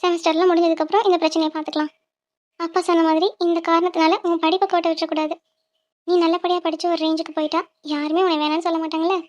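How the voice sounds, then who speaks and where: A voice actor playing a loving, tearful mother in a cartoon, speaking softly to her son. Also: very high-pitched, level tone, racing. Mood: tender.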